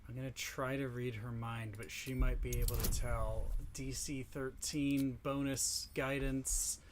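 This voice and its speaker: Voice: medium pitch, level tone, measured pace, background noise. A player doing in-character video game commentary, playfully talking back to the characters.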